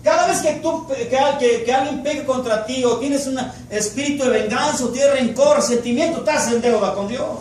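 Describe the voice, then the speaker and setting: A man's voice: very high voice, moderate pace, hardly any pauses, a little mellow. A man preaching a sermon in Spanish with an emphatic, repetitive cadence. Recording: echoey and distant with faint noise.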